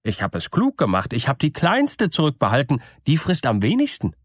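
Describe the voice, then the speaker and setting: A man voicing a simple-minded farmer's wife in a fairy tale, high and pleased with herself. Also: huge pitch swings, normal speed, dry recording, clean studio sound. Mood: smug.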